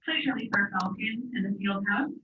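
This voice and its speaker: A woman reads school announcements over a PA system, steady and measured like someone going down a list. Her voice sounds thin and tinny, like a phone line. It comes from a speaker far off in an echoey room. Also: medium pitch, noisy background. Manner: even, measured list-reading. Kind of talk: reading dismissal announcements. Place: classroom, heard through a ceiling speaker.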